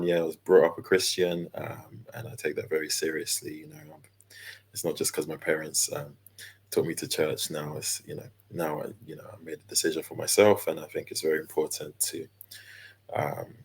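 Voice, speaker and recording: A man, chatting easily as an interview guest, relaxed and full of fillers and small laughs. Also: deep voice, gravelly, breathy edge. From London, England. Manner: laid-back, easygoing, with many fillers and laughs. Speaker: guest, character designer and illustrator. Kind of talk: casual interview chat.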